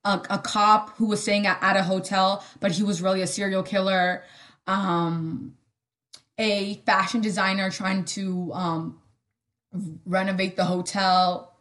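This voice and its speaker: A young woman hosting a solo podcast in casual chat, sarcastic and rambling, full of "like" and quick asides. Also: medium pitch, little pitch movement, a bit bright. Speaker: podcast host.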